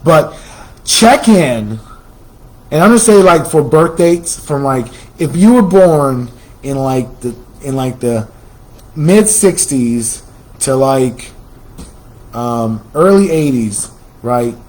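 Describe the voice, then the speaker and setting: A man's voice: mid-range voice, lively intonation, slow pace, long pauses, darkish tone, rough recording. An American man hosting a computer store's promotional video, talking in a chatty, salesy way and often repeating himself. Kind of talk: casual promotional talk.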